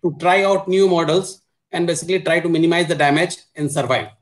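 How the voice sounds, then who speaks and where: Speaking a little fast with fairly even intonation and a slightly high pitch, this middle-aged Indian-accented supply chain executive explains business matters. He's a panelist on a video call from an indoor room, and he repeats filler words often.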